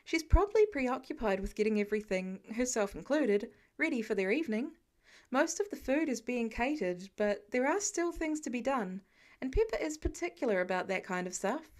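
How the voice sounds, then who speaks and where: A woman serves as audiobook narrator for a work of fiction, reading the script line by line with lively intonation. Her voice sits a little higher than most women's, her tone is darkish, and her pace is moderate.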